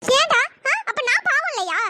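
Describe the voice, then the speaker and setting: A performer voicing a sharp-tongued, furious middle-aged mother in a cartoon, scolding and shouting. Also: very high voice, very animated, normal speed, slight background noise, heavily acted. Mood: angry scolding. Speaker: angry aunt. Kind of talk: pitched-up cartoon voice acting.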